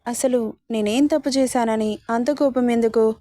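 A woman's voice: fairly high pitch, steady tone, a little slow, dark tone, no echo, clean studio sound, natural voice. A woman voicing an affectionate young woman in a spoken romance story, in a coaxing, sweet manner.

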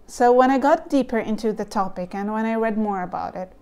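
A young Egyptian woman whose first language is Arabic talks in a casual explainer vlog, her mellow voice on the high side, brisk and clean, with an Egyptian Arabic accent. She seems nervous and thoughtful, often saying "um" and "like." She is indoors in a home room with bookshelves, recorded on a lapel mic with the camera close.

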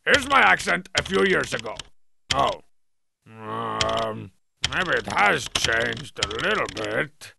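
A man voicing a brash, boastful masked male wrestler in a cartoon, gruff and gravelly, swaggering and sarcastic. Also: mid-range voice, sing-song, slow, heavy background noise, heavily acted. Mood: cocky. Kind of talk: cartoon email-answering monologue.

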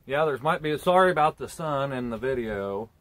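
A homesteading vlogger in his thirties chats casually from a sunny porch outdoors, filmed by a tripod camera a few feet away. His talk is laid-back, rambling and plain country style, in an animated, fairly quick medium-pitched voice without room sound.

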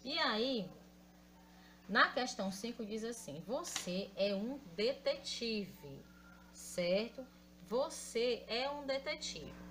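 A woman's voice: medium pitch, noisy background. A woman teaching a children's grammar lesson with a Brazilian Portuguese accent, patiently spelling out letters and repeating words syllable by syllable, calling her pupils affectionate names. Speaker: primary school teacher.

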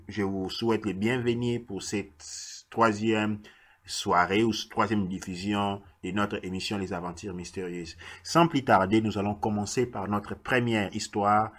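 A man, a radio host who reads a story aloud in a slow, deliberate way and sometimes stops to restart a phrase. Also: lowish voice. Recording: loud hiss, radio broadcast.

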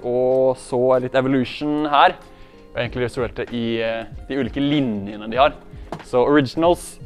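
A man's voice: medium pitch, clear, resonant tone. A man with a middling voice joins a casual shop walkthrough, chiming in with asides and details. His talk is loose and conversational. Faint music runs in the background. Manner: chatty, adds comments and background details. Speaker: disc golf shop staff. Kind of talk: casual product chat.

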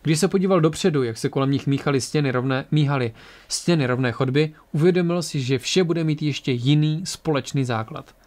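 A man's voice: fairly high pitch, darkish tone. A man narrating an amateur audiobook in a plain reading voice with occasional restarts.

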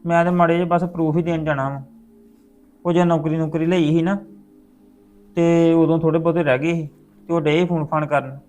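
A man playing a caring widowed father who talks to his daughter in a gentle, coaxing way in a web series drama. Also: a little high, flat delivery, moderate pace, long pauses, faint music behind, close to an everyday voice.

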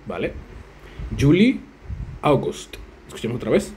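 Chatty man with a lively voice. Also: mid-range voice. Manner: chatty, self-deprecating, repeats foreign words slowly aloud. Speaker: language learner and video host. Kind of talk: casual walkthrough of a language lesson.

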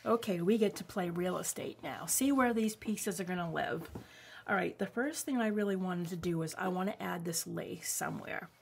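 With a fairly low voice and vocal fry, a craft vlogger in her forties from New England chats at normal speed while crafting at home, rambling warmly and saying um a lot. The overhead camera shows only her hands. A slight hiss or hum is audible.

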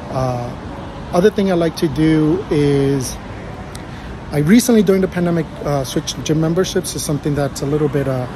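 A man in his thirties talking casually to a close phone camera outdoors after a workout, hesitant with many fillers and restarts. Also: mid-range voice. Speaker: vlogger sharing a personal routine. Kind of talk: casual unscripted talk to camera. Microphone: phone camera held close. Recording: outdoor city noise behind.

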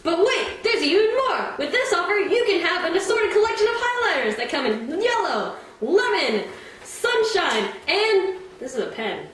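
A young woman playing a pushy, excitable infomercial pitchwoman in a parody ad. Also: moderate pace, heavily acted. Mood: excited hard sell. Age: young adult. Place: office-like indoor room. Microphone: camera across the room. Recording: roomy indoor echo, background noise.

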